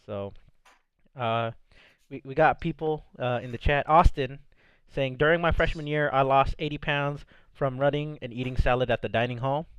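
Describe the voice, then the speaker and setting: A man's voice: medium pitch, fairly even intonation, moderate pace, a bit bright, clear, resonant tone, no echo, lo-fi sound. A young man hosting a casual podcast, upbeat, chatting with friends and reading chat messages aloud. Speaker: podcast host.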